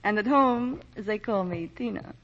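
An actress playing a flirtatious, teasing aristocratic countess in 1940s radio acting. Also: female voice, medium pitch, a little slow, slight background noise, natural voice. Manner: coquettish, teasing. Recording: dull 1940s radio broadcast.

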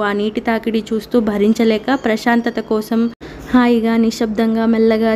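A wry, bitter middle-aged husband in an audiobook story, voiced by a woman reader. He speaks in an even, level line with little rise and fall. His remarks come out sardonic and self-deprecating. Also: fairly high pitch, a little hiss or hum, natural voice.

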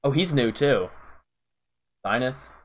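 A man's voice: mid-range voice, expressive, takes it slowly. A young man casually live-streaming a game, rambling to his chat with lots of fillers, calling out viewers' names and saying "bro".

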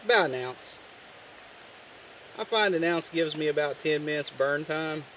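A man casually showing a homemade camp stove outdoors, talking in a relaxed, folksy way with many fillers. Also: on the high side, unhurried, recorded from a distance, slight background noise. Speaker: outdoor gear vlogger. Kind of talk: casual how-to demonstration. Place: outdoors on the ground, off camera.

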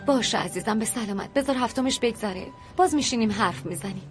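Brief: female dub actor as a nervous pregnant woman, high voice, faint music under her. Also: natural voice. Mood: defensive. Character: pregnant young woman, anxious and defensive. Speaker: dubbing actor. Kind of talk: Persian dub of a TV drama.

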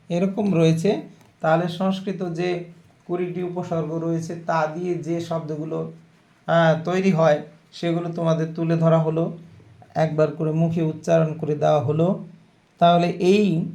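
A man teaching a grammar lesson, reading word lists aloud slowly with filler sounds between items. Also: on the high side, vocal fry, warm tone. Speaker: Bengali language teacher. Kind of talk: slow word-list lesson.

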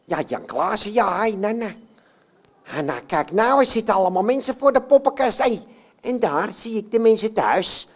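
A woman's voice: medium pitch, animated, normal speed, natural voice. A woman voicing a cheeky, boastful male puppet hero in a live children's puppet show, chatting straight to the audience. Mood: puzzled.

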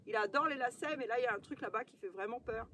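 Woman training her horse outside, soothing and hushed, voice picked up from a way off by the camera, noisy. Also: on the high side, fast talker. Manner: coaxing, soothing, often drops to a hushed voice. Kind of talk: coaching a horse at liberty with short commands. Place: outdoors in a field with a horse. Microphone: camera mic at a distance.

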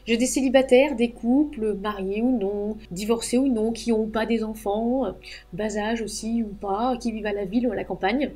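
A woman's voice: a little high, fairly even intonation, moderate pace, warm tone. A woman giving writing advice straight to camera, chatty and emphatic, with frank asides. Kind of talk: casual advice monologue to camera.

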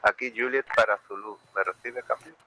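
A man's voice: lowish voice, fairly even intonation, moderate pace. A man making terse, formal radio calls with call signs, heard as a crackly radio transmission in a military game. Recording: loud static over a radio channel.

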